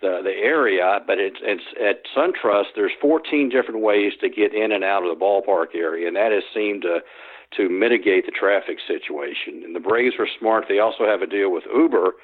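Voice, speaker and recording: This is a man with a fairly low-pitched voice talking at normal speed. He's a sports historian fielding interview questions by phone, rambling with many restarts and fillers. The telephone recording sounds tinny.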